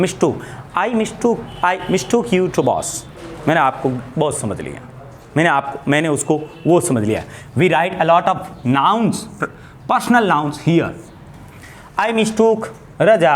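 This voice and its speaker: A man teaching spoken English, slowly repeating words and mixing Hindi with English. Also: on the high side, a little hiss or hum.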